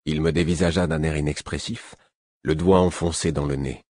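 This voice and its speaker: A man reading a first-person novel as an audiobook narrator, in a measured, even storytelling manner. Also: a bass voice, dry recording.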